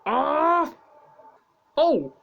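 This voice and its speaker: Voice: mid-range voice, lively intonation, normal speed, lo-fi sound, close to an everyday voice. A commentator voicing exasperated, unlucky racing drivers who exclaim and complain in a whiny, blokey way. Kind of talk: acted driver outbursts.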